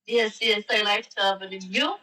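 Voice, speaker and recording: A woman's voice: mid-range voice, moderate pace, pushed and bright, far from the mic. A woman chatting casually on a live-stream app, speaking in a playful, teasing manner. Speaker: language exchange chat partner. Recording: echoey and off-mic.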